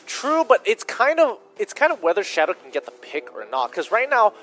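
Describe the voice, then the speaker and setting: A man with a fairly high, very lively voice co-casts a mobile esports match. He mixes game analysis with teasing banter over faint music. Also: normal speed. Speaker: esports caster. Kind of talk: casual esports commentary.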